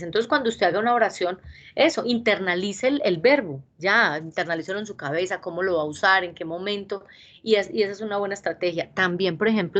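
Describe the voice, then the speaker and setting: A woman teaching an English class, patiently repeating verb forms slowly. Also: mid-range voice, fairly bright tone, dull audio.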